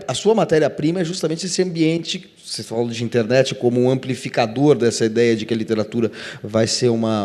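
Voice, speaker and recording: A man's voice: mid-range voice, warm tone. A man moderating a literary panel, asking winding, hesitant questions full of fillers. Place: auditorium at a literary event. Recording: long hall reverb.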